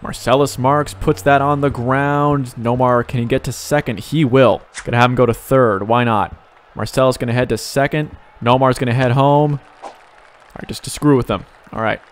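A young man commenting live on his own video game play, excitable, with sighs and sudden outbursts. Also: mid-range voice, moderate pace, slight background noise. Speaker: gaming YouTuber.

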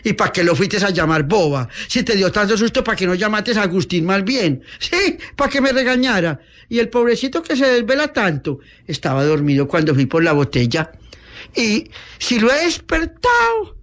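A man's voice: brisk, hardly any pauses, a bit bright. A man voicing a dramatic, imperious young woman who scolds her sister. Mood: scolding. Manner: shrill, scolding and theatrical.

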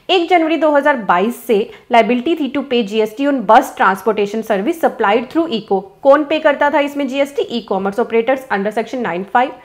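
A woman in her thirties with an Indian English accent teaches tax rules from a small office, speaking into a lapel mic. Her voice sits a little high. She reads the English passages slowly and carefully, then explains them quickly in mixed Hindi and English. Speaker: tax educator.

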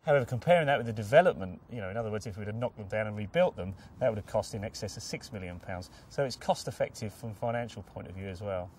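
A man with an English accent, a contractor's manager, speaking briskly and upbeat in a documentary interview recorded outdoors. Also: on the low side, expressive, a little mellow, distant mic, a little hiss or hum.

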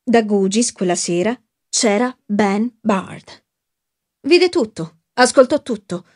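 A woman's voice: medium pitch, animated, takes it slowly, darkish tone. A woman reading the part of a shrewd, self-assured male acting teacher in a knowing tone. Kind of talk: audiobook reading.

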